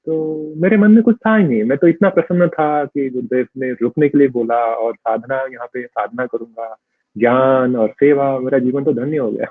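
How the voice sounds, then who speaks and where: Husky monk guy telling his story, lots of ums, dry tinny phone-ish sound. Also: medium pitch, fairly even intonation, moderate pace, dry recording. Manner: hesitant, many fillers, mixes English words. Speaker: monk guest. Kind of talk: recounting personal story in interview.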